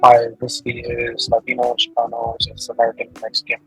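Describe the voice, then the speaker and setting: Husky-voiced young man, flat delivery. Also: medium pitch, faint music behind, poor audio. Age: 20s. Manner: hesitant, with pauses and fillers. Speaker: interviewee. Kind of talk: casual interview answers.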